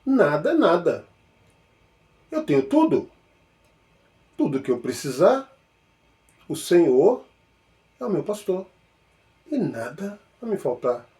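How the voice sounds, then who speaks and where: A man with a Mineiro Brazilian accent talks through spiritual ideas in a loose, conversational way. His voice sits fairly high and swings widely, from excited bursts to quiet murmured repetitions. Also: slow, pauses often. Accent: Mineiro Brazilian Portuguese. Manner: animated, playful, with exclamations and soft murmured repetitions. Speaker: spiritual speaker. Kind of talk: informal teaching monologue.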